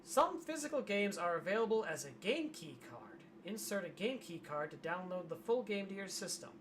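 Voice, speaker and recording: A hoarse streamer in casual livestream commentary, wry and grumbling, reading aloud from a web page. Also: mid-range voice, big pitch swings, moderate pace, fairly bright tone, a little hiss or hum. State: losing voice, hoarse.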